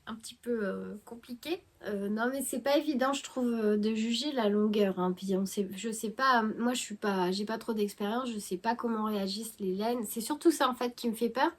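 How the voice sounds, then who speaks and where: A knitting vlogger chats casually to camera about her knitting, her voice pitched on the high side and congested from a head cold. She talks at a moderate pace with few pauses, yet hesitantly, full of fillers and restarts.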